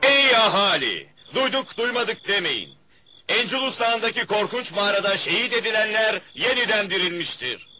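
An actor playing a town crier in a period drama, calling out news to the people in a proclaiming manner. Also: male voice, high-pitched, very animated, moderate pace. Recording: loud music behind the voice.

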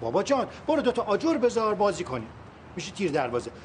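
A flustered fussy caretaker. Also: male voice, high-pitched, wildly swooping pitch, slight background noise. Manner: flustered, fussing, rambling. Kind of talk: TV drama acting.

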